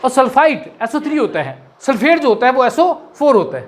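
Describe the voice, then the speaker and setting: A man teaches chemistry in a classroom. He drills the students, fires off quick rhetorical questions and spells terms out letter by letter. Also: very high-pitched, very animated, a little hiss or hum. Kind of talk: classroom lecture.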